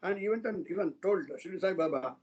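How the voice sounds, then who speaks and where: In muffled, lo-fi online satsang audio, a man earnestly retells stories of saints in a loose, flowing devotional talk. His voice is high-pitched and expressive, brisk in pace, with a darkish tone.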